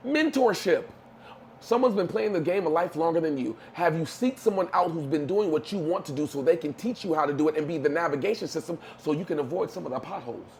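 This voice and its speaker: Man, high voice, preachy, emphatic motivational podcast talk. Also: expressive, fast talker, darkish tone, a little hiss or hum. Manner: preachy, emphatic, street slang. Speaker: podcast co-host.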